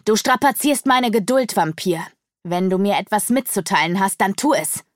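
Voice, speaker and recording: A woman's voice: medium pitch, animated, normal speed, dry recording, studio quality, lightly acted. A woman playing an arrogant male demon sorcerer, harsh and commanding. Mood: furious. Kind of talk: audiobook character voice.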